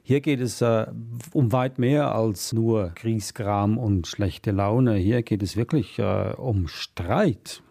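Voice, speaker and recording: A man co-hosting a casual book review chat, dry and joking with hesitant pauses. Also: on the low side, vocal fry, mellow.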